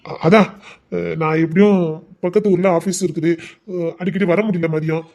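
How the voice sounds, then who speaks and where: A man's voice: high voice, fairly even intonation, moderate pace, a little mellow, muffled recording. A man playing a stern, insistent husband who scolds his wife in a colloquial family drama.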